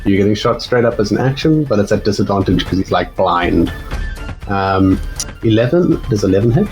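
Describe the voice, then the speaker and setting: Man, game master, low voice, rambling narration, faint background music. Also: expressive, moderate pace, a little mellow, rough recording. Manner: rambling, filler-heavy narration with self-corrections.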